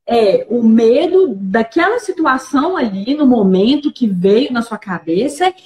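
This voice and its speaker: A woman telling her own story in a casual chat, acting out the dialogue as she goes and using lots of fillers. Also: sits high. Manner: animated storyteller, acts out quoted dialogue with many fillers. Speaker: guest sharing a personal testimony. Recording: echoey room.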